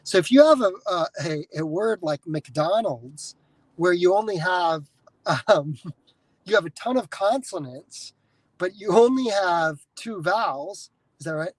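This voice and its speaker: Animated and a little slow, a high-pitched American man talks through his podcast in a loose, meandering monologue. He curses a lot and keeps restarting sentences, on a dry recording of poor quality.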